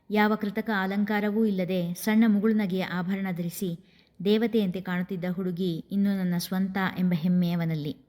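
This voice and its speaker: A woman host narrating a serialized story in a gentle, even manner. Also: medium pitch.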